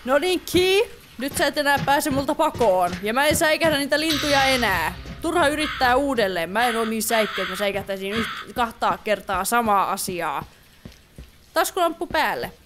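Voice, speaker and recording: A gaming YouTuber with a slightly high, expressive voice gives casual let's play commentary on a horror game over a noisy background. She's chatty, startles easily, and throws in English exclamations.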